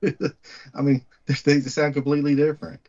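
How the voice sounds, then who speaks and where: A man's voice: a little high, flat delivery, normal speed, a little mellow, muffled recording. A man with a West Texas twang chatting casually about film, emphatically stating his opinions and rephrasing his points. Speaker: movie podcast co-host.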